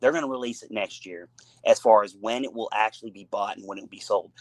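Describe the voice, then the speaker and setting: A man with a low voice hosts a casual gaming talk show. He rambles and restarts, pressing his points with fillers and emphasis. The sound is dry and close. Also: quick pace, no room sound. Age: adult with a son.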